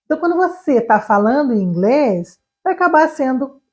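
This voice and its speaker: A Brazilian woman teaching English online, fast, animated and emphatic, speaking straight to her viewers. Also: high voice. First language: Portuguese.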